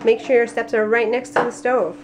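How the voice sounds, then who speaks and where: A woman's voice: on the high side, level tone, fairly quick, crowd noise. A woman, a mother filming a family home vlog, talking openly and emotionally. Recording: noisy home camera audio.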